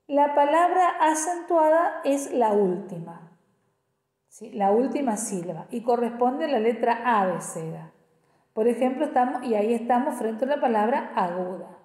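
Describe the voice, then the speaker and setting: A woman's voice: fairly high pitch, warm tone. A woman educational psychologist explaining learning strategies step by step, often checking in with her listeners. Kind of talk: explanatory teaching talk. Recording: echoey room with long reverb.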